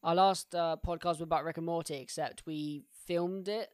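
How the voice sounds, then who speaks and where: A man's voice: fairly high pitch, steady tone, darkish tone, clear, resonant tone, no echo. Dry-voiced man ranting on a podcast. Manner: profane, ranting, quick banter. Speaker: podcast co-host. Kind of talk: casual podcast chat.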